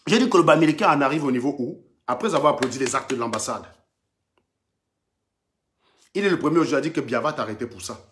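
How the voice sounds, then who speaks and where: A man from Cameroon with a Cameroonian French accent, hosting a livestream monologue in a combative, mocking way that swings between loud outbursts and low muttering. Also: animated, quick pace, pauses often, a little hiss or hum. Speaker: livestream host.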